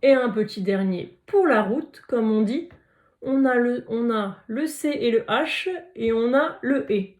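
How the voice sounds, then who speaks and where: A woman's voice: on the high side, lively intonation, a little slow, a little mellow. A woman teacher giving a recorded phonics lesson to young children, carefully sounding out letters and syllables and praising the listeners often. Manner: encouraging, praising.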